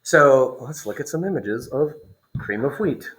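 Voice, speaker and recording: A man's voice: mid-range voice, animated, a little slow, fairly bright tone, roomy sound, low-quality recording. A male teacher reading a story aloud to his class and breaking off for playful, chatty asides to the students.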